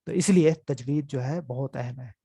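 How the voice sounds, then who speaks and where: Gravelly male teacher explaining patiently. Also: mid-range voice, mellow, no echo. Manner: explanatory, repeats key points with "theek hai". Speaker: Quran recitation teacher. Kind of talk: online class lecture.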